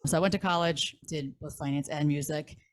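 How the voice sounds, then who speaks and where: A woman's voice: low-pitched, fairly even intonation, a little fast. A woman in her thirties, a banker being interviewed, talking candidly about her career with self-deprecating humor. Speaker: guest, bank relationship manager. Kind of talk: casual interview chat.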